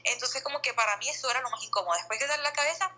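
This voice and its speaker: A woman's voice: high voice, very fast, sharp tone, faint music behind, low-quality recording. A woman telling her story in casual conversation, rambling along with many fillers and restarts. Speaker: guest sharing birth story.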